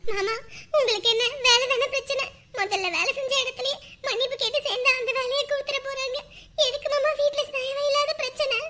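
A woman's voice: very high voice, a little fast, sharp tone. A woman voicing a young daughter-in-law in a cartoon family story, pleading with her husband.

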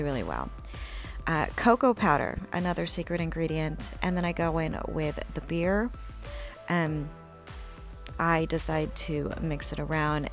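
Low-voiced woman narrating her home cooking. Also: gravelly. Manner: relaxed, chatty, with frequent ums and small laughs. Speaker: home cook vlogger. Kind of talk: casual cook-along voice-over.

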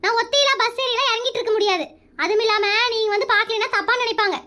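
A woman's voice: very high voice, bright, forceful tone. A woman playing a suspicious, nagging wife in a comedy skit. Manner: nagging, suspicious, quick-witted.

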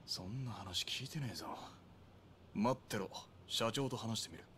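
An actor playing a sardonic young real estate enforcer in a video game, with rough, insolent yakuza-style street speech. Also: male voice, lowish voice, normal speed, fairly bright tone, slight background noise, lightly acted. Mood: suspicious. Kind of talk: video game drama acting.

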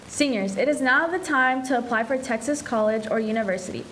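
Student anchor, teen girl, slightly high, even scripted read. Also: fairly quick, a little hiss or hum, poor audio. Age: teens. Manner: reads announcements steadily. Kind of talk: scripted school announcements. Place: school TV studio.

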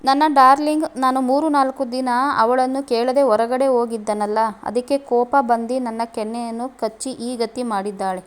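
A woman's voice: sits high, steady tone, normal speed, close to an everyday voice. A woman voicing a playful young man who teases a woman, read in a story. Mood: teasing.

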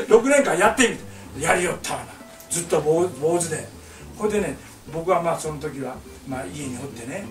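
A man's voice: fairly high pitch, roomy sound, far from the mic. An older man with a Kansai accent telling a comic family story, acting out voices and laughing through his lines. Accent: Kansai Japanese. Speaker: painter telling stories to a small audience.

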